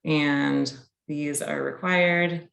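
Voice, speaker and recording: A woman's voice: deep voice, steady tone, very slow, vocal fry, a bit bright, reverberant. A woman staff member presenting plans at a public meeting, hesitant with many ums.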